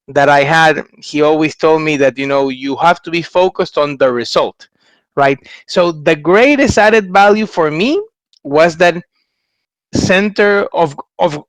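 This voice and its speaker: A man's voice: fairly high pitch, fairly bright tone, no room sound. A man in his thirties from Ecuador giving an earnest testimonial over a headset mic in a small room, gesturing as he talks and often restarting his phrases. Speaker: MBA graduate giving a testimonial. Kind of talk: testimonial talk to camera. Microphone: headset mic on a video call.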